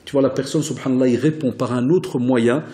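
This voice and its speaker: A man who teaches religion, giving an animated religious lecture full of stories and Arabic religious phrases. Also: medium pitch, fairly quick. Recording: roomy hall reverb.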